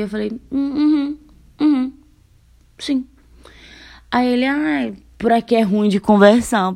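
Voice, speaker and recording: A young woman from Brazil telling a funny personal story in a casual vlog, laughing often and acting out the dialogue. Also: mid-range voice. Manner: animated, laughing, acts out the dialogue.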